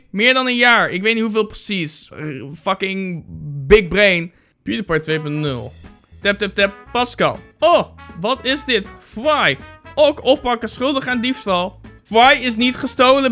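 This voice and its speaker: Bright, high-voiced joking Dutch YouTuber man. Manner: playful, self-mocking, swears, slips into English phrases; bursts into loud shouts. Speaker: YouTuber reacting to fan posts. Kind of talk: casual joking commentary.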